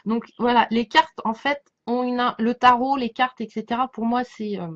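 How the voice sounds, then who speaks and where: Woman, higher-pitched voice, slight lisp, loose halting chat as a card reader, dull lo-fi recording. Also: steady tone, fairly bright tone. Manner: halting, circling back, trailing off mid-thought. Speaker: tarot card reader giving a reading to followers. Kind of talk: casual rambling chat over a tarot spread. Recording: dull lo-fi sound.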